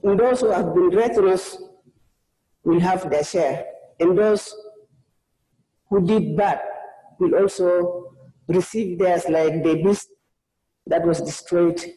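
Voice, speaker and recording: A woman's voice: lowish voice, slow, long pauses, mellow, roomy sound, rough recording. A woman from Sudan, preaching a sermon as a guest in a church, earnest and personal. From South Sudan. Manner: earnest, personal testimony with frequent restarts.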